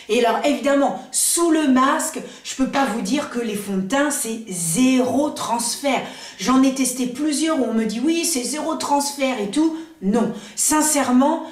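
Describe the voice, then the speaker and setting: Chatty high-voiced woman reviewing makeup. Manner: chatty, enthusiastic, many fillers and asides. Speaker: beauty vlogger. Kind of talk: casual product review to camera. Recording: echoey room, voice a bit far from mic.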